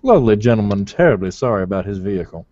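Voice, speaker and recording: A man's voice: on the low side, animated, very fast, a little mellow, dry recording, dull audio, lightly acted. A man playing a courteous formal reverend. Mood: polite. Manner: polite, old-fashioned formal phrasing.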